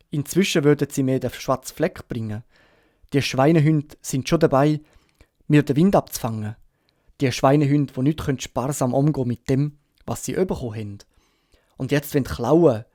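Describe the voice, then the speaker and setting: A Swiss German man voicing a sick, gruff old sea captain in an audiobook, urgent and pleading in rough sailor talk. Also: mid-range voice, normal speed, mellow, no room sound, clean studio sound, natural voice. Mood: defiant, gruff. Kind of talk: audiobook character reading.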